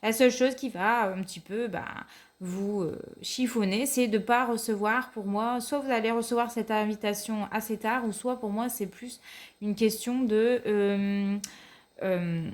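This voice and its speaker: A slightly high, steady voice at a measured pace belongs to a card reader giving her viewers a weekly reading while fighting a cold. She speaks hesitantly with many fillers and returns again and again to "tout simplement."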